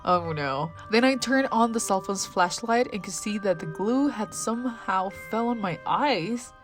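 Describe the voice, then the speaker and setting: A woman's voice: medium pitch, lively intonation, unhurried, faint music behind. A young woman vlogger chatting casually and reading stories aloud, giggling often and dropping in asides full of "like". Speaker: beauty vlogger.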